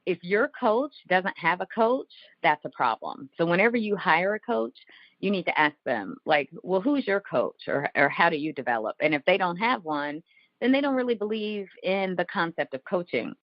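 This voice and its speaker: A woman with a low-pitched voice and a Southern Ohio Appalachian accent hosts a podcast. She speaks in a candid, conversational way. The recording is close and dry. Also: lively intonation, moderate pace, no room sound, highs cut off. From Southern Ohio Appalachia, United States. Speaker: podcast host and coach. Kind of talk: conversational podcast introduction and chat.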